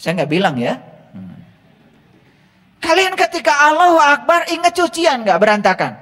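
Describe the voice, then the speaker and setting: A man's voice: very high-pitched, wildly swooping pitch, moderate pace, sharp tone, in a large hall. A man giving an Islamic sermon as a religious teacher, often asking his listeners rhetorical questions. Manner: asks the audience rhetorical questions.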